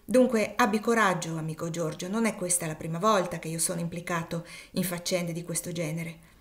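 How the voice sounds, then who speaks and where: A woman reading the part of a practical, seasoned male escort who talks in a brisk, reassuring way, in an audiobook. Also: lowish voice, fairly even intonation, close to an everyday voice.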